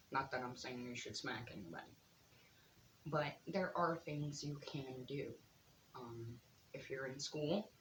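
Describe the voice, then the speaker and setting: Soft-spoken thirty-something vlogger, unhurried delivery, roomy echo on the recording. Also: medium pitch, a little hiss or hum. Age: 30s. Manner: soft-spoken, slow, with frequent ums. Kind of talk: earnest direct-to-camera advice talk.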